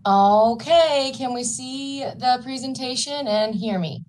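A woman's voice: sits high, takes it slowly, darkish tone, a little hiss or hum. A woman giving a friendly, formal prepared slide presentation as a staff presenter.

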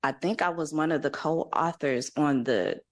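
A woman's voice: low voice, a little slow. A woman board member making earnest remarks at a public meeting, with frequent ums.

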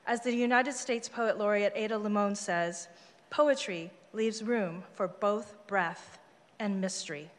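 A woman's voice: medium pitch, unhurried. A woman giving a short prepared acceptance speech at a public meeting. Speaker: incoming city poet laureate. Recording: reverberant council chamber.

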